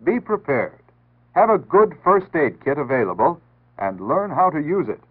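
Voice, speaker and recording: Fairly high-pitched and husky, an American man delivers a scripted 1960s civil defense public service announcement with a very animated voice at normal speed. He reads it earnestly, formally and instructively. The recording is tinny, band-limited 1960s radio-style archive audio.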